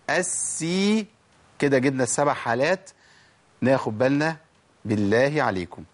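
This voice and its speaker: A man with an Egyptian Arabic accent teaching Quran pronunciation. He asks himself rhetorical questions and demonstrates sounds slowly, repeating them over and over. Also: mid-range voice. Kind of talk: tajweed lesson.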